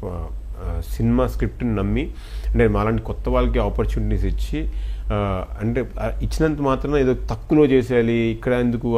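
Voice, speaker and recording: A film actor with a Telugu accent speaks in a mid-range, dark-toned voice during an interview. He is earnest and effusively thankful, slipping back and forth between Telugu and English.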